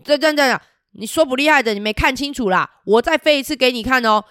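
A woman voicing a boastful, show-off male fire-breathing dragon in a children's storybook reading, loud and bragging with whooshing sounds. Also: high voice, fast talker, clean tone, no room sound, clean studio sound, voice pushed up.

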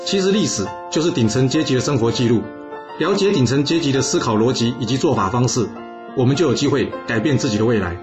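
A man rattles off a friendly podcast sign-off at a quick clip. Plucked guitar music plays clearly behind him. The recording sounds dull and lo-fi. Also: mid-range voice, animated. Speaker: podcast host. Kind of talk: podcast outro.

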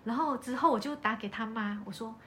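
This podcast speaker is a woman whose Malaysian Mandarin accent colors a casual personal anecdote. She performs the dialogue with lively energy, speaking on the high side and fairly quickly, and a slight hiss or hum runs through the clip.

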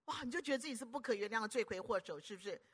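A middle-aged woman preacher, delivering an animated sermon full of rhetorical questions to the congregation. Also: a little high, rapid-fire, slightly rough. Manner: animated, keeps asking the audience rhetorical questions; acts out anxious inner voices and conversations.

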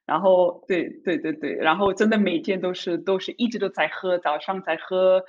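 A woman's voice: lowish voice, steady tone, moderate pace, highs cut off. A woman in her thirties from Zurich, a German speaker, chats casually as a foreign Mandarin speaker, hesitant and giggly, often repeating words. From Zurich, Switzerland. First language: Swiss German. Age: 30s. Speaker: podcast guest. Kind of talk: casual interview chat in Mandarin as a foreign learner.

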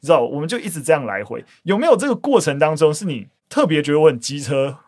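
A man's voice: on the high side, expressive, fast talker, a little mellow, dry recording, studio quality. A man with a Taiwanese accent hosting a casual podcast, chatting away and repeating phrases for emphasis. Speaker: podcast host.

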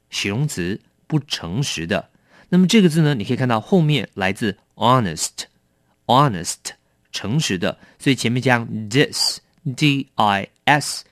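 A man's voice: on the low side, fairly bright tone, dry recording, clean studio sound. A middle-aged man hosting a radio English lesson, explaining each word and repeating it to drill the pronunciation. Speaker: English teacher and program host.

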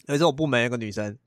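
A mid-range male voice with no echo belongs to a podcast co-host. In casual chat he tells fast, joking, self-deprecating stories.

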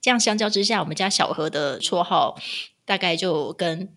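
Bright, husky-voiced woman chatting. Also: fairly low pitch, normal speed. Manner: animated storytelling, acts out voices with laughs. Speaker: podcast co-host. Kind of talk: casual chat.

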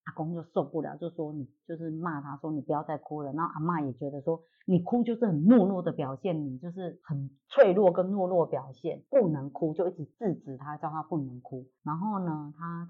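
A woman with a Taiwanese Mandarin accent tells a family story in a casual chat, acting out what each relative said. Her voice is low and husky. The recording sounds thin, as if it came over a phone line. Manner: animated retelling, acting out relatives' quoted lines. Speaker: podcast host. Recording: tinny phone-like audio.

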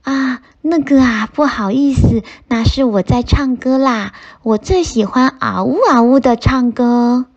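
A woman voicing a gentle, friendly giant unicorn in a children's storybook, speaking softly and kindly. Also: fairly high pitch, a little slow, few pauses, lo-fi sound. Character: gentle friendly female unicorn, huge, rainbow-winged.

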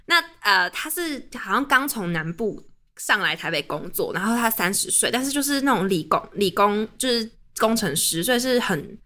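A young woman with a Taiwanese Mandarin accent, hosting a podcast and telling a story in an animated, chatty way. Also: medium pitch, moderate pace. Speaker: podcast host. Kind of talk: casual storytelling chat.

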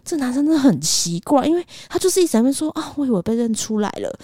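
A woman in her thirties with a Taiwanese Mandarin accent tells a story in a quick, lively chat. Her tone is mellow and dark, with a very animated, wide-ranging pitch. She puts on voices for the people she quotes, in a dry, close room. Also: dry recording. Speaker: podcast co-host.

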